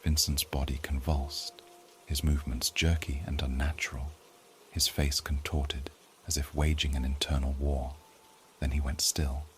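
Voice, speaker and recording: A man narrating a scripted horror story in a hushed, often half-whispered delivery. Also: extremely low pitch, slight background noise.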